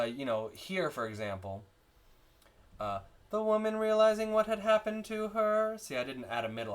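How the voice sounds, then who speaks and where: Hesitant man teaching chant. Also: on the low side. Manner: hesitant, many fillers and restarts; breaks into sung chant examples. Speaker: church music instructor. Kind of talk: screen-share chant tutorial.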